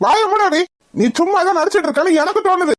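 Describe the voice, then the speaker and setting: A woman voicing a stern middle-aged husband in a village cartoon, gruff and scolding. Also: very high-pitched, fast talker. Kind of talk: cartoon voice acting.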